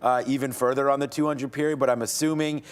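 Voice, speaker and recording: A man's voice: mid-range voice, steady tone, fast talker, smooth. A man hosting a day-trading livestream, giving casual, informal commentary as he thinks aloud. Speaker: day trader and livestream host.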